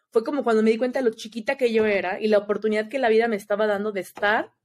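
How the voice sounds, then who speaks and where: A young Mexican woman with a Mexican accent, chatting casually as a podcast guest and dropping "¿sabes?" often. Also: a little high. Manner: chatty, frequent "¿sabes?" fillers. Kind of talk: casual interview chat.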